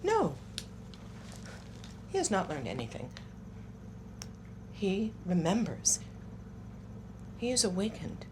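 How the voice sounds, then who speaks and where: A woman's voice: medium pitch, wildly swooping pitch, takes it slowly, long pauses, background noise. A woman playing a stern, commanding old village mage woman in an audio drama.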